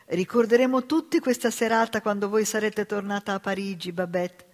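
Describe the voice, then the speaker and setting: A woman reading aloud voices a gentle, pious spinster sister in a storybook reading, lifting her voice to sound soft and earnest. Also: medium pitch, steady tone, a little fast, voice pushed up, lightly acted. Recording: reverberant live hall reading.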